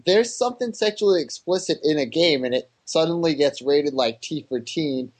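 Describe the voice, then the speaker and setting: Slightly high-voiced man co-hosting a podcast. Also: lively intonation, moderate pace. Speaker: podcast co-host. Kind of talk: casual chat.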